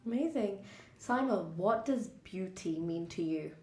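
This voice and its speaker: A woman's voice: mid-range voice, lively intonation, a little slow, a little mellow. A woman hosting a casual radio chat and putting questions to others. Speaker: radio host. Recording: echoey room sound.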